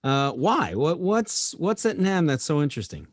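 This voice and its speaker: A man's voice: fairly high pitch, big pitch swings, moderate pace. A man hosting a business podcast, with an upbeat delivery. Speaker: podcast host. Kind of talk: podcast interview.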